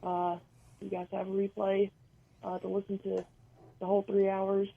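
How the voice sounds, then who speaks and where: A woman's voice: medium pitch, completely flat delivery, moderate pace, vocal fry. A woman calling in over the phone to a radio show, chatting casually with many hesitant ums and restarts. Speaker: caller. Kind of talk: casual chat. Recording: muffled phone line.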